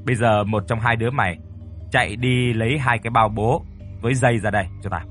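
A man's voice: mid-range voice, steady tone, a little fast, fairly bright tone, soft background music, close to an everyday voice. A man voicing an angry, cruel older male landlord who barks bullying orders at his servants. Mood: commanding.

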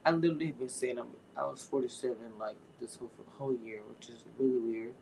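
A very deep, gravelly voice belongs to a woman in her forties running a livestream. She chats casually and talks to her viewers in a drawn-out manner, with a noisy background behind her.

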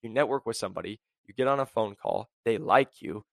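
A young man hosting a career podcast, blunt and high-energy, packed with "like" and "right?". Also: a little fast, gravelly, no echo. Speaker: podcast host. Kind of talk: motivational career podcast talk.

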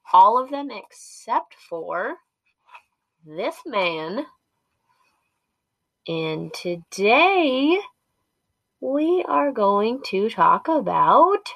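Solo host, woman, talking slowly in a dead-dry closet, rambly and chatty. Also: medium pitch, no room sound, dull audio. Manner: rambling, chatty, full of "um" and "anyway" asides. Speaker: podcast host. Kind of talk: casual solo podcast chat. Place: recording inside a small clothes closet. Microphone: home sound system and laptop.

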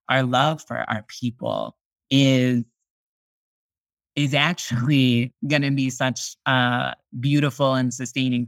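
A man speaking as a guest in a casual interview, thoughtful and unhurried, hedging often with "sort of" and "like". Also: mid-range voice, a bit bright, dry recording, rough recording. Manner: thoughtful, unhurried, many hedges.

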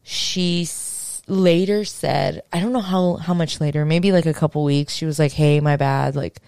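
A woman's voice: fairly low pitch, fairly even intonation, moderate pace, darkish tone, clear, resonant tone, dry recording, clean studio sound. A woman hosting a podcast, chatting casually and candidly and swearing now and then. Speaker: podcast host. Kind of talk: casual conversational chat.

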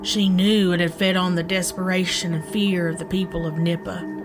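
A woman's voice: lowish voice, flat delivery, normal speed. A woman podcast host narrating a scripted ghost story in a theatrical, spooky storytelling manner. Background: background music.

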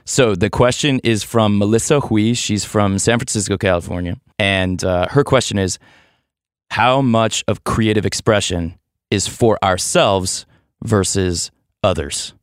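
In studio-quality audio with no echo, a podcast host in his thirties speaks at a fairly low pitch, a little slowly, his tone clear and resonant. His reflective monologue is loose and hesitant as he thinks aloud, thoughtful, with restarts and occasional laughs.

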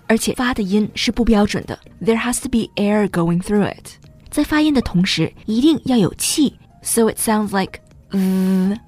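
A woman's voice: medium pitch, a little mellow, husky. A woman teaching English pronunciation in a patient, step-by-step scripted narration, switching between two languages.

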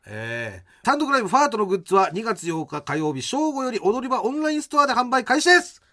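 A man's voice: very high-pitched, very animated, quick pace, bright, forceful tone. A man co-hosting a comedy radio show, reading listener mail and announcements with a showy emcee flair. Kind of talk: casual comedy radio chat.

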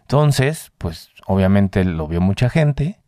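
A man in his forties, an actor, telling lively anecdotes in a casual interview. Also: slow, no echo, studio quality. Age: 40s. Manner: animated anecdotes, mimics others with a higher voice. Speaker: actor guest.

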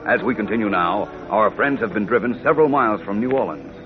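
A man's voice: lowish voice, quick pace, over music. A man narrating a 1940s radio serial as its announcer, in a dramatic, scripted style. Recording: tinny old radio recording.

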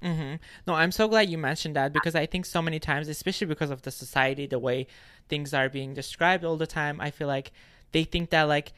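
Podcast guest, smooth clear voice, dry close sound, chatty, agreeable. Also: mid-range voice, fairly quick, a bit bright, no echo. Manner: agreeable, chatty, many fillers. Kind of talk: casual conversation.

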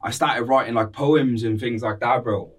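Heard from a distance, this Cardiff man talks at a moderate pace in a steady, medium-pitched voice with a Welsh accent. As a podcast guest he spins casual, conversational stories, repeating himself and dropping "like" and "bro" constantly in loose, slangy speech.

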